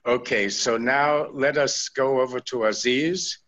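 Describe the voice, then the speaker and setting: A man moderates a panel in an even, mid-range voice, directing the questions firmly. The recording sounds dull and lo-fi. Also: medium pitch, measured pace.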